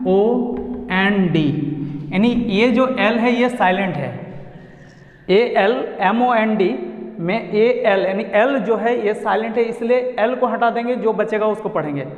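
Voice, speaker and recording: A man's voice: high voice, echoey room, in a large hall, highs cut off. A man with a Bihari Hindi accent teaching English pronunciation, spelling words out letter by letter. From India. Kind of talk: spoken lesson.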